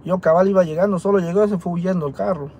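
A Guatemalan man with a high voice talks to camera in a casual way, earnest and on the defensive. He often stops to rephrase, and he sits in a dental clinic with faint noise behind him. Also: fairly even intonation, fast, warm tone. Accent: Guatemalan Spanish. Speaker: vlogger telling his side. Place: dental clinic waiting area.

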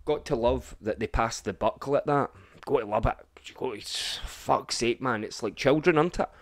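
A man's voice: medium pitch, normal speed, no echo, clean studio sound. Sweary, sarcastic Scottish man. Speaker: commentary vlogger. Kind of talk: ranting reaction commentary.

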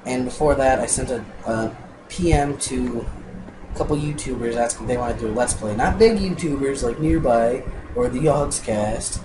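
A young man narrating his block-game footage in a casual, annoyed, rambling way, swearing as he talks. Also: mid-range voice. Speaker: gameplay narrator. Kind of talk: casual let's-play narration. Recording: noisy recording.

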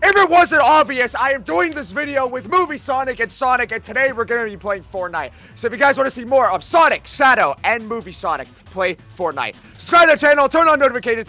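A man's voice: sits high, bright, forceful tone. A man voicing an arrogant, irritable cartoon hedgehog, whining and sarcastically complaining through comedic gameplay commentary. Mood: narrating, sullen. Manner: whiny, exasperated, sarcastic complaining.

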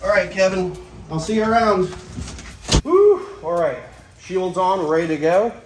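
A man's voice: high-pitched, moderate pace, background noise. A young man hosting a casual wildlife vlog with playful, enthusiastic energy. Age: young adult. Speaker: wildlife host, snake keeper. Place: indoor concrete-floored reptile room. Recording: echoey hard-floored room.

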